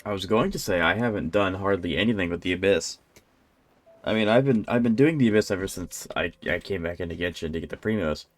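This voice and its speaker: A low-voiced game streamer talks fast through casual live gameplay commentary, rambling and thinking out loud over faint background music.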